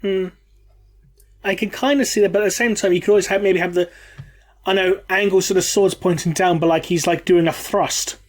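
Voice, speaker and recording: In a casual podcast conversation, the male host talks briskly in a high voice with a steady tone. He's a little bunged up from a cold but still jokes and laughs a lot.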